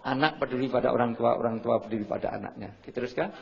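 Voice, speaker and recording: Middle-aged man lecturing, lively. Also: mid-range voice, fast, vocal fry. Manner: lively, acts out shouted examples, keeps apologizing politely. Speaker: seminar speaker. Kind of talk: lecture to an audience on parenting. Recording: muffled lo-fi recording.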